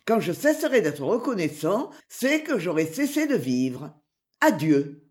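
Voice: medium pitch, sing-song, unhurried, darkish tone. A reader voicing a young, ardent knight speaking solemn, devoted declarations in an audiobook. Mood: solemn, grateful. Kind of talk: audiobook character reading.

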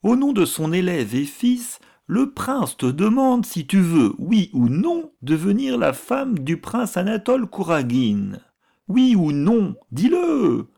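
A man voicing an irascible, domineering old prince and father, given to shrill shouting outbursts, in an audiobook reading. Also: very animated, slow pace, creaky, husky, full character voice. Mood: demanding.

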